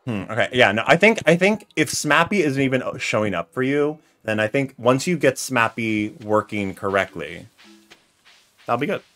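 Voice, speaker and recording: Medium-pitched and moderately paced, a young American man chats through a gaming live stream in a small home room. He tells lively stories and reads chat aloud, with faint game music in the background.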